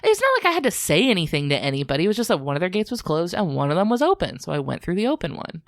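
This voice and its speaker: A woman's voice: lowish voice, racing, no echo, studio quality. A woman co-hosting a podcast, chatting casually and telling a story with lots of laughter. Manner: animated storytelling, laughs often. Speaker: podcast co-host. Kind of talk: casual chat.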